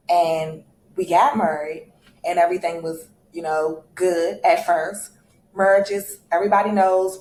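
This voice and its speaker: A woman's voice: fairly low pitch, a little mellow, roomy sound, a little hiss or hum, rough recording. A woman in her thirties telling a candid, reflective personal story in a casual storytime vlog. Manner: candid, reflective, many fillers and restarts.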